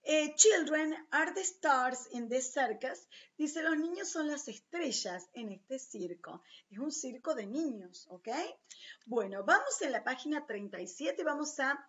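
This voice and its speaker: A woman teaching English to children, slowly and patiently repeating and translating each word. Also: sits high, expressive, fairly bright tone, highs cut off. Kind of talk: recorded online class for children.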